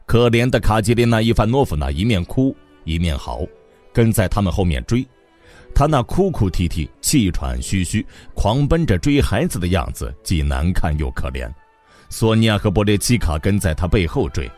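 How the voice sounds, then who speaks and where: A man narrating an audiobook in an expressive storytelling manner. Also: on the low side, normal speed, soft background music.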